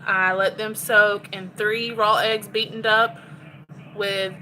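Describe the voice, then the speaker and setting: A woman's voice: medium pitch, little pitch movement, slow, bright, forceful tone, slight background noise, low-quality recording. Chatty woman vlogging while cooking. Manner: candid, chatty, emotional. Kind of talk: casual chat while cooking. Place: home kitchen.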